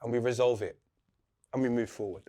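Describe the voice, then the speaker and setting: A man as a guest in a casual interview, animated and joking as he riffs on ideas. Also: medium pitch, a little fast. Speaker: podcast guest.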